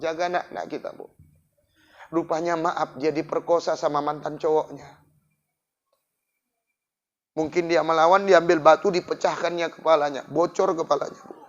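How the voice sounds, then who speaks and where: A fairly high-voiced male preacher delivers a storytelling sermon. He talks straight to the crowd, his voice rising loud and then dropping to a hush. The recording sounds dull and lo-fi. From Indonesia. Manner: lively, swings from loud to hushed, addresses the crowd.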